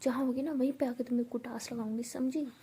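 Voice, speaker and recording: A woman's voice: on the high side, steady tone, quick pace, warm tone, slight background noise, lightly acted. A woman voicing a playful, affectionate young woman who teases her partner in a coaxing, often half-whispered way. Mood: teasing.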